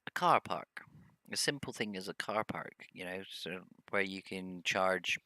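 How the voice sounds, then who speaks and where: A man's voice: deep voice, fairly even intonation, normal speed, pushed and bright, no room sound. A man casually commenting on his own gameplay, rambling with many hesitations and humming to himself. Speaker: gameplay video host. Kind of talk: casual let's-play commentary.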